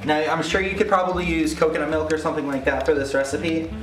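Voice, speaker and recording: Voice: medium pitch, flat delivery, fast talker, recorded from a distance. A drunk home cook giving a casual, rambling, profanity-laced cooking tutorial. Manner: tipsy, rambling, crude swearing. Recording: roomy kitchen, off-mic, loud music behind. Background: loud music, sizzling pan.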